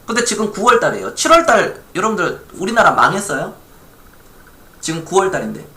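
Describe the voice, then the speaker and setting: A man from Gwangju chats casually on a live stock-investing stream and reads viewer chat aloud. His voice bounces up and down with a bright, forceful edge. The room rings with noticeable echo. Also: sits high, big pitch swings, brisk. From Gwangju, South Korea.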